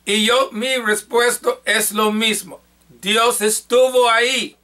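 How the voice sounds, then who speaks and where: Slow, bright-voiced male Bible teacher. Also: extremely high pitch, fairly even intonation. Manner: halting, repeats and corrects himself. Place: church.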